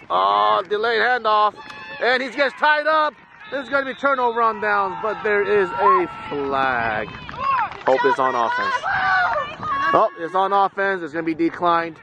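Amateur sideline commentator, male, middle-aged, higher-pitched voice, clipped excitable play calls, very loud wind on the camera mic. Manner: clipped short phrases, rising with excitement during plays. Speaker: parent filming and commentating a youth football game. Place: outdoor football field. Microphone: camera microphone exposed to wind. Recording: muffled outdoor recording, loud wind noise. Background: loud wind and outdoor ambience.

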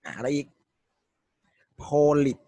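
A man's voice: on the high side, very slow, dark tone, no room sound. A man teaching an exam-prep language lesson, working through questions step by step and quizzing his students as he goes. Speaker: Thai language tutor.

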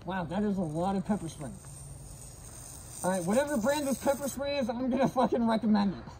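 Speaking brisk and expressive through a gas mask, a young man tests safety gear on camera, swearing brashly and taking deep breaths. His voice comes across as mellow on a rough recording with a little hiss or hum.

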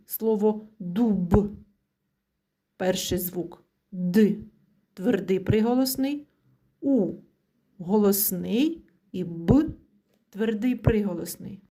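A woman teaching young children their letters, sounding each letter out slowly and praising them often. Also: fairly high pitch, warm tone. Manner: slow, drawn-out sounding of letters; praising, encouraging. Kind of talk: children's literacy lesson.

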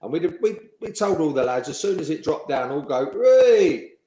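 A man, a former footballer telling lively anecdotes in an interview and chuckling as he goes. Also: fairly high pitch, a little fast. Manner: lively storyteller, chuckling, acts out the people he quotes. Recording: echoey room.

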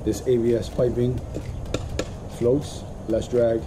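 A man's voice: medium pitch, slow pace, noisy background. A man in his thirties casually reviewing fishing gear outdoors in a backyard, talking with frequent fillers as he holds up each item. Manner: relaxed, many "um" fillers, explains gear while holding it up. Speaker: kayak fishing vlogger.

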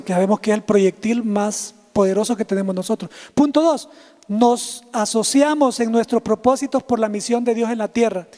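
Man, pastor, very high voice, long hall reverb. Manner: lively, teasing, talks to chat viewers. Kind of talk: livestreamed sermon.

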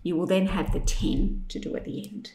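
A woman teacher leading an instructional lesson for young children, enunciating clearly and guiding with simple questions. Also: on the low side, steady tone, moderate pace, very noisy. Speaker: teacher presenting a maths activity. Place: indoors in a room, demonstrating at a tabletop. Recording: echoey room.

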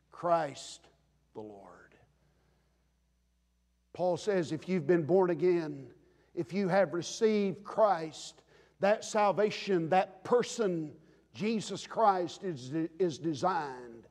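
A man preaching a sermon as pastor, emphatic, building to loud declarations and dropping low again. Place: church sanctuary. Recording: long reverb of a church sanctuary.

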